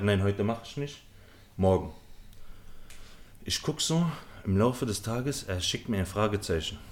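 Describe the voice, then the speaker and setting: A man's voice: on the low side, a little hiss or hum. A young man hosting a podcast, telling a rambling, slangy story to friends with lots of fillers. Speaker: podcast host. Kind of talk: casual storytelling among friends.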